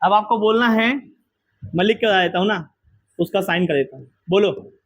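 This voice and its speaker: A man's voice: sits high, normal speed. A man teaching a grammar lesson to a class, quizzing students with repeated questions.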